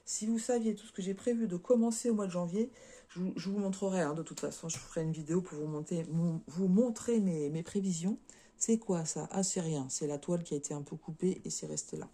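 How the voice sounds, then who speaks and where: A woman's voice: fairly low pitch, a little fast, mellow. A French woman chatting casually as a craft vlogger, showing and unboxing cross-stitch kits, with lots of fillers and repeated words.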